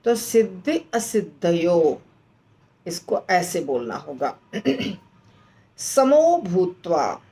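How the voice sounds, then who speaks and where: A woman teaching how to pronounce and recite a verse, explaining slowly and patiently and chanting the lines. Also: on the low side, vocal fry, darkish tone. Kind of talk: slow recitation lesson.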